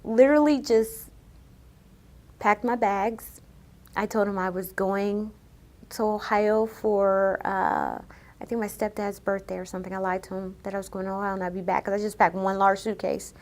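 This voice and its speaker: A woman speaks in a news interview, recounting her own experience in a soft, emotional voice. She often falls quiet, her words sinking low and subdued as she tells her story. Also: fairly even intonation, normal speed. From United States. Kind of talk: personal account in a news interview.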